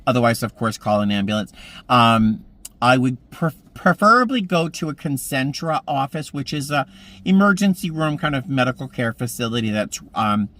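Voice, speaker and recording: A man's voice: medium pitch, expressive, moderate pace, fairly bright tone. A man in his mid-fifties chatting casually to camera from a parked car, telling meandering stories. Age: 50s. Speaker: vlogger. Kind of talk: casual vlog chat.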